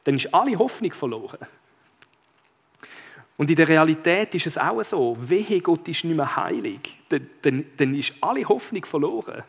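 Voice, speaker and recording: A man's voice: fairly high pitch, big pitch swings, normal speed, slightly rough, long reverb tail. A man preaching a sermon, talking conversationally and putting questions to his listeners. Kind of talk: sermon with read-aloud story passage.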